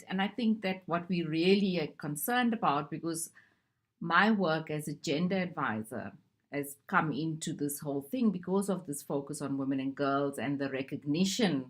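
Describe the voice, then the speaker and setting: Woman from South Africa, gender advisor, low voice, talks conversationally with some hesitation. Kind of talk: recorded conference discussion.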